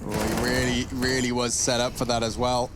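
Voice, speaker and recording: A man's voice: medium pitch, flat delivery, normal speed, very noisy. A man doing live commentary on an esports match in the manner of a caster.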